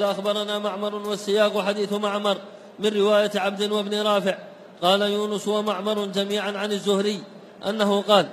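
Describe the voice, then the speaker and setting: A man reading classical text aloud in a steady, chanting recitation for a class. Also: high-pitched. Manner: even, chanting recitation of chains of narrators. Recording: long hall reverb.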